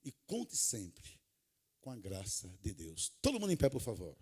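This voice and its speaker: A man preaching to a conference of pastors, animated and humorous, dropping to soft, low asides and then rising to loud, shouted calls. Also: moderate pace, breathy edge. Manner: animated, humorous, plays out little scenes. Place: large conference hall.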